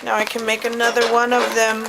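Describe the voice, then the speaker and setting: A woman's voice: a little high, monotone, quick pace. A woman chatting casually with family while opening packages. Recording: noisy room with clicks and rustling.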